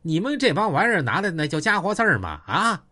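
A man voicing a gruff, belligerent, hot-tempered male gang member. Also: high voice, big pitch swings, fast, sharp tone, pitched above the performer's own voice, heavily acted. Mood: defiant.

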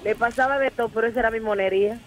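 A man's voice: extremely high pitch, steady tone, racing, a bit bright, soft background music. A man on a morning radio show reminiscing fondly in casual chat.

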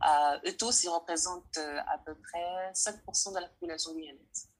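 A nineteen-year-old woman from French Guiana, answering interview questions in a hesitant way, often pausing to search for words. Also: fairly low pitch, steady tone, slightly rough, poor audio.

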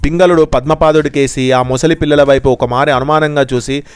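A man narrating a children's story in a steady, measured way, in a smooth, clear voice. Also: a little high, no echo, faint music behind.

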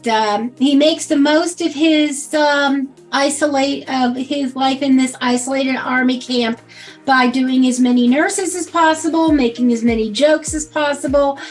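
A woman co-hosting a podcast, chatting casually and reading from notes with plenty of fillers along the way. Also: high voice. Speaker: podcast co-host.

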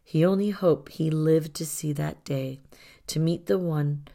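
Brief: somber woman storyteller, deep and unhurried, soft and near-whispered. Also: gravelly. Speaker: narrator. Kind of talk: scripted storybook narration.

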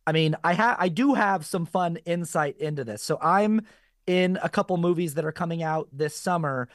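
This guest actor on a podcast has a fairly high pitch and talks at normal speed, captured in clean studio audio without room sound. His chat is casual and lively, full of animated storytelling where he voices others with gusto.

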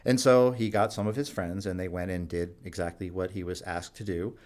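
Man, low-ish voice, doctor, interview storytelling, acts out quoted dialogue. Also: brisk. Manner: animated anecdote-telling, acts out quoted dialogue. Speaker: doctor at a jail HIV clinic.

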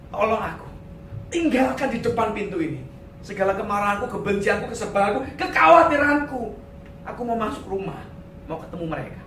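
A male pastor giving a lively sermon in a church, sprinkling in English words and acting out quotes. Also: very high-pitched. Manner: animated, mixes in English words, acts out quotes. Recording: echoey room, distant mic, faint noise.

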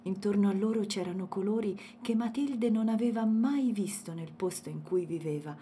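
A woman narrating a children's storybook in a gentle, expressive way. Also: mid-range voice, moderate pace, slight background noise.

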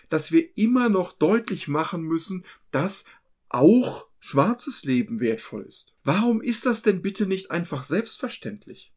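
A man hosting a podcast in German, talking earnestly and with feeling about a serious subject. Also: fairly high pitch. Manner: earnest, impassioned. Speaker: podcast host. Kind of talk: hosted podcast talk.

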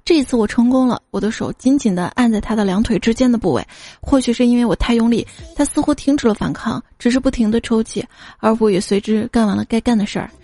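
A woman hosting a show, reading out funny listener stories in a lively way and mimicking the children in them. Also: on the high side, fast talker, no echo. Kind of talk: humorous story reading. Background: faint background music.

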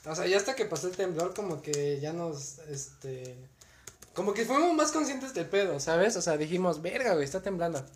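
A man's voice: high-pitched, expressive, normal speed, slight background noise. A young man with a Mexican accent telling rambling stories in slangy casual chat, laughing often. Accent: Mexican Spanish. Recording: roomy echo.

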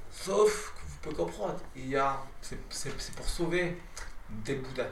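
A man's voice: mid-range voice, animated, unhurried, gravelly, reverberant, recorded from a distance, a crowd in the background. A man playing a tabletop game, joking and stammering as he talks. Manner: stammering, clowning. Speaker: player.

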